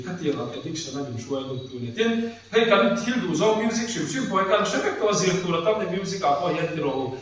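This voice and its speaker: A man's voice: on the high side, a bit bright, a little hiss or hum. Man lecturing in a very echoey hall. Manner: explanatory, mixes in English terms. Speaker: doctor giving a talk. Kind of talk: lecture to a youth group. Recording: echoey hall, mic far off.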